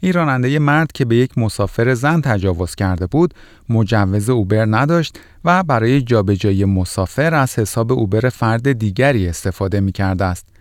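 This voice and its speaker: Low-pitched male news reader, close dry sound. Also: expressive, dry recording. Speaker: news presenter. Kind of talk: scripted news narration.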